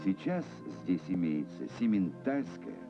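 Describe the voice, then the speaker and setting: A man giving formal, measured scripted narration for an old newsreel. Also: low-pitched, sing-song. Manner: formal, measured official delivery. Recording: dull lo-fi archival film sound with music.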